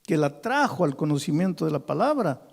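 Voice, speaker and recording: A pastor telling a story in a sermon, swinging dramatically between hushed and forceful delivery in church. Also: male voice, fairly high pitch, big pitch swings, a little fast, vocal fry, husky.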